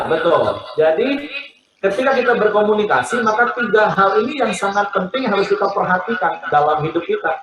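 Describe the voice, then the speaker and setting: A man speaks as a pastor, in an animated, joking manner, his voice sitting somewhat high. The sound rings in an echoey room. An audience can be heard around him. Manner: animated, joking, acts out example phrases. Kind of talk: teaching talk on family life.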